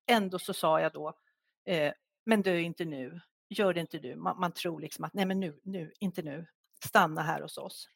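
A middle-aged woman, a guest author in an interview, telling a personal story in a soft, halting, reflective way. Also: lowish voice, vocal fry, dry recording, clean studio sound.

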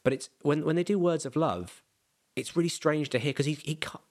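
A man's voice: on the high side, brisk, a little mellow. A man hosting a podcast, chatting casually and thinking aloud with lots of restarts. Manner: rambling, thinks aloud with many restarts and fillers. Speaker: podcast host.

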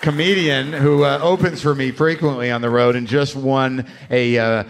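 A man's voice: medium pitch, steady tone, normal speed. An American man, a comedian and host, talking informally and profanely on stage at a live show. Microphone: stage microphone. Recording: live room with faint background noise.

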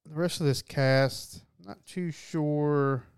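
A man co-hosting a podcast, talking about movies in a relaxed way and laughing often. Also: a little high, takes it slowly, clean tone, dry recording, clean studio sound. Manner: laid-back, laughs often, many fillers. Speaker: podcast co-host. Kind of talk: casual film chat.

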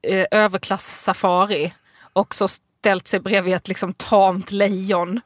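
A woman's voice: medium pitch, no room sound, studio quality. A young adult woman, a podcast co-host, telling comic stories in casual chat and acting out the people in them. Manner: animated storyteller acting out quotes.

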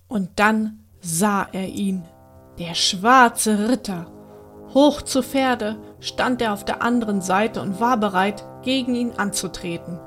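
A woman reading a children's bedtime story aloud in a gentle, expressive way. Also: medium pitch.

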